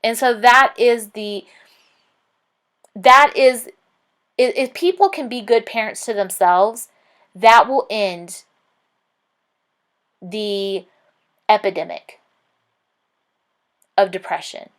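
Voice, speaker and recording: A woman's voice: mid-range voice, takes it slowly, long pauses, a bit bright. A woman talking in an earnest, rambling way, full of fillers and restarts. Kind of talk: casual reflective talk.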